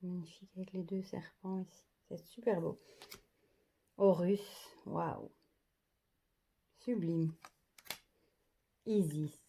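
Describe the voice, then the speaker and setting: A woman slowly leafs through a deck of oracle cards in a casual vlog, naming each card and praising it under her breath. Her voice sits a little low and mellow. Her pace is unhurried and unforced. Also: breathy edge. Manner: admiring, murmurs card names softly, often half-whispered.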